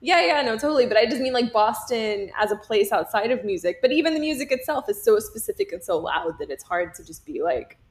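A woman guest on a podcast, talking quickly in casual chat with frequent "like"s. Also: on the high side, expressive. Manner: quick, uses "like" as filler a lot.

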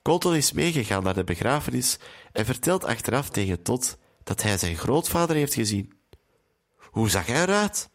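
A man calmly retelling a film's story as narrator. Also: mid-range voice, moderate pace.

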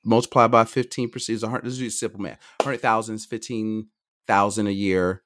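A middle-aged man, a financial advisor guest on a podcast, talking quickly and energetically, often restarting his sentences. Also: lowish voice. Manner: energetic, talks fast, jumps between points with restarts. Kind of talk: conversational podcast interview.

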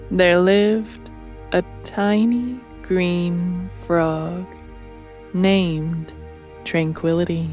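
A woman narrating a sleep story in a slow, soothing bedtime manner. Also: lowish voice, a little mellow.

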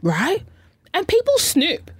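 A woman co-hosting a radio show, telling a story in an animated, gossipy way with bursts of emphasis. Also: very high voice, takes it slowly, slight background noise. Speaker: radio co-host. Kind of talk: casual chat, storytelling. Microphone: studio mic.

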